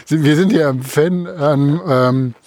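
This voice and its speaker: A man's voice: on the high side, slow, darkish tone, dry recording. Male podcast co-host chatting while walking. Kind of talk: casual podcast chat. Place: outdoors, walking through city parks.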